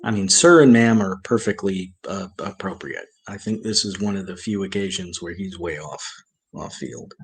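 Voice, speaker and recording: A man's voice: sits low, normal speed, vocal fry. A man giving a talk on old-fashioned manners, reading rules from an old etiquette book and adding wry comments of his own.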